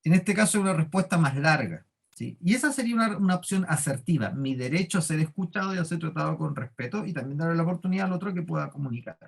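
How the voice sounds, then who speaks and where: A man's voice: a little high, expressive, quick pace, gravelly, breathy edge. A man with a Chilean accent teaches a leadership class. He explains step by step and keeps putting questions to the class. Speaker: workshop teacher.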